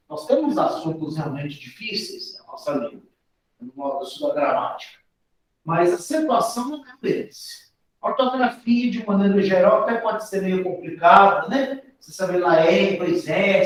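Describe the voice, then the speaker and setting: A man with a Brazilian accent teaching a grammar lesson for an exam, explaining step by step and often adding tag questions. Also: high voice. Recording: very echoey room, voice from a distance.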